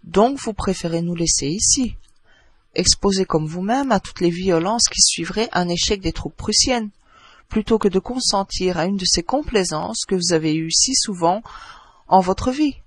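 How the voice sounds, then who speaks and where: A man's voice: sits high, lively intonation, normal speed, slightly rough. A man voicing a haughty, paternal aristocratic count over 60 who speaks condescendingly and persuasively.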